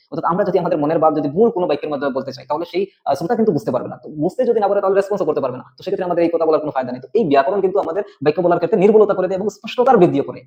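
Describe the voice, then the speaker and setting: A man's voice: fairly high pitch, dark tone. A male teacher giving an exam-prep lecture, explaining step by step and often checking in with the listener. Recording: dull lo-fi audio.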